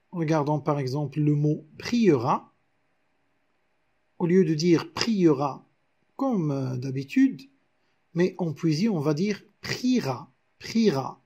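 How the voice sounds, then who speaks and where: A man with a Moroccan French accent teaches a recorded lesson at an unhurried pace. His voice is slightly high, dark and a little husky. He walks through examples patiently and counts syllables aloud one by one. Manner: slow, explains step by step with examples. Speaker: literature teacher. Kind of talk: explanatory video lesson.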